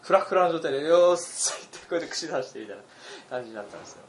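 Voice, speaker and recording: Animated young man telling stories fast. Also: medium pitch. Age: 20s. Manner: animated storyteller, laughs often, acts out quoted lines. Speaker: podcast co-host. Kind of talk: casual chat. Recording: roomy recording with faint background hiss.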